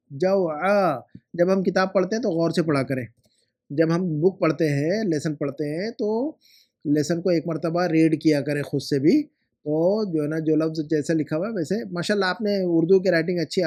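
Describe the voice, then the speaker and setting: Patient high-voiced man teaching grammar. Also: darkish tone. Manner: patient, repeats words slowly, fillers like "hai na". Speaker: Arabic teacher correcting homework. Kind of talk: explanatory lesson.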